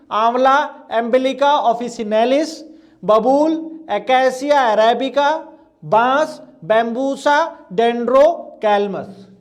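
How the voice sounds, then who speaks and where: A male teacher, running a live online exam-prep class and drilling terms, checking again and again that students follow. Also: very high voice.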